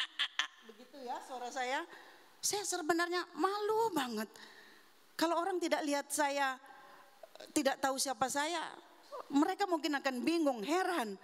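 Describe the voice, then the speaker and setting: A middle-aged woman delivers a sermon testimony in an earnest, confessional way, speaking straight to the congregation. Her voice sits fairly high. The sound carries a long reverb from a church hall. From Manado, Indonesia. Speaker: guest preacher. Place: church sanctuary.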